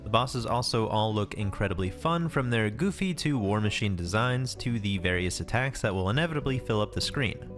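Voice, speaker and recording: A man's voice: fairly low pitch, lively intonation, moderate pace, hardly any pauses, fairly bright tone. A man giving casual scripted commentary as a video host, informal and wry, with some casual swearing. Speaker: YouTube game preview host. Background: music behind the voice.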